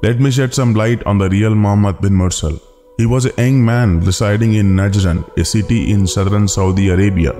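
A man giving scripted documentary narration as a channel narrator, in a solemn, measured and earnest way. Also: on the low side, warm tone. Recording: long reverb with background music.

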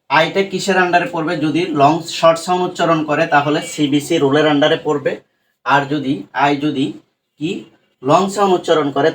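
Bengali teacher quizzing himself aloud. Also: male voice, on the high side. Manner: asks questions and answers them himself, addresses viewers directly. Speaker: English pronunciation teacher. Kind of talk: spoken tutorial lesson.

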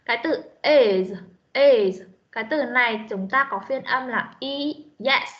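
A woman teaching an online English class, drilling pronunciation and repeating words slowly in a stern way. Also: on the high side. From Vietnam. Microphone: video call. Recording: muffled online meeting audio.

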